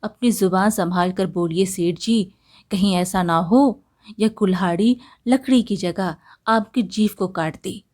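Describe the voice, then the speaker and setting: A woman voicing a brave, poor young village woman who talks in sharp, indignant questions. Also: medium pitch, measured pace, close to an everyday voice. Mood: angry.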